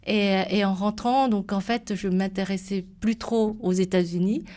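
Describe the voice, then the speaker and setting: Lively woman entrepreneur telling her career. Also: medium pitch, moderate pace. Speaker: entrepreneur guest. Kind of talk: interview.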